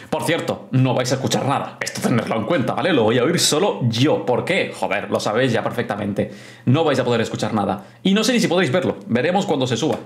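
Reaction streamer with a Spain accent, animated pitch, loud exclaiming, echoey room. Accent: Spain Spanish. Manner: exclaims and swears often, repeats words in bursts. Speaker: streamer reacting to a wrestling show. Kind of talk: excited live reaction commentary. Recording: roomy echo.

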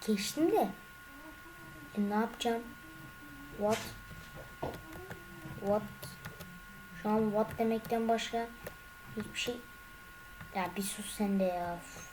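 A woman's voice: medium pitch, slow, long pauses, noisy background. A young woman commenting on her gameplay as a gaming YouTuber, talking to her viewers and getting more and more frustrated. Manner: increasingly frustrated, exclaiming.

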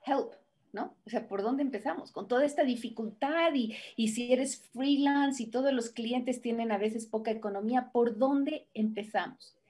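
A woman with a fairly high voice gives a motivational talk at a conference. She speaks in an animated way, throws out rhetorical questions, and acts out the excuses people make. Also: normal speed. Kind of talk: motivational lecture.

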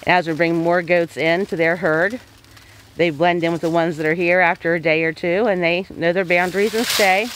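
A woman's voice: on the low side, fairly even intonation, moderate pace, fairly bright tone, slight background noise, low-quality recording. A woman homesteader giving a casual voice-over, plain-spoken and folksy with homey farm phrasing.

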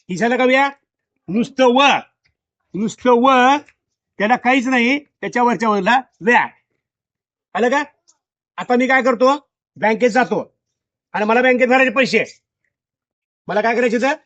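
A man's voice: very high voice, a bit bright, no room sound. Male teacher in a classroom, keeps firing the same question at pupils, dry, dull lo-fi recording. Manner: repeats questions to pupils, drilling. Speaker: school teacher.

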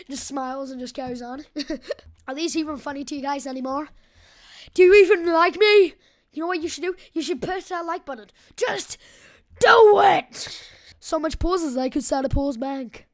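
A young woman giving casual gameplay commentary as a channel host, hyper and goofy, joking and bursting into loud yells and silly chants. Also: sits high, normal speed.

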